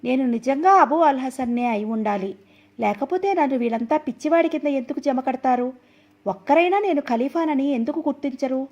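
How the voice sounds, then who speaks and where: Woman doing an angry deluded young man, shouting, commanding, high-pitched, husky, storybook voice. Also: moderate pace, lo-fi sound. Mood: remorseful.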